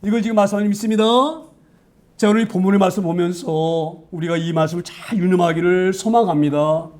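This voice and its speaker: A man's voice: high voice, steady tone, brisk, a little mellow. A man preaching a sermon, emphatic, with frequent hallelujahs and rhetorical questions to the congregation.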